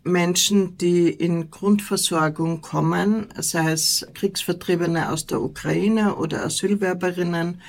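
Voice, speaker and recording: A woman, a social office official, explaining slowly and deliberately. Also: lowish voice, fairly even intonation. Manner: slow, deliberate, gravelly.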